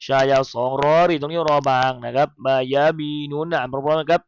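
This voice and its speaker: A man gives a recitation lesson with a smooth, resonant voice that sits a little high. He chants verses sound by sound and then explains each one patiently. The recording is dry and slightly muffled. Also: fairly even intonation, a little fast, no room sound. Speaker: Quran recitation teacher. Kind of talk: tajweed lesson, spelling out letters and reciting.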